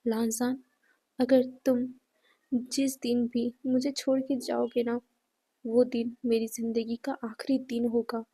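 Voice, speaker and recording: A woman's voice: fairly high pitch, little pitch movement, slow, breathy edge, heavily acted. Woman whispering as a devoted young man. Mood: tender vow. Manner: soft whisper.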